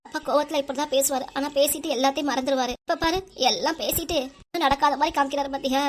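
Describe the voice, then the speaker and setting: A woman's voice: high-pitched, steady tone, quick pace, lightly acted. A woman voicing a scheming middle-aged cartoon mother with a Tirunelveli Tamil accent, who complains and whines to get her way. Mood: whining. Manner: complaining, whiny and plotting. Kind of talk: cartoon voice acting.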